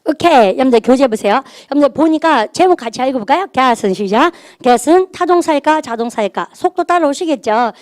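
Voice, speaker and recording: A woman's voice: high voice, lively intonation, fairly quick, few pauses, no room sound. A middle-aged woman teacher, giving a recorded grammar lecture and drilling her students with call-and-response prompts. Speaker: English teacher.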